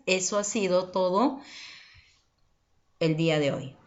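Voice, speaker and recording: A woman teacher talks slowly and patiently through a lesson for children, stopping often to ask if they follow. Her pitch rises and falls a lot. The recording sounds dull and lo-fi. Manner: patient, asks rhetorical check questions. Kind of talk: online class for children.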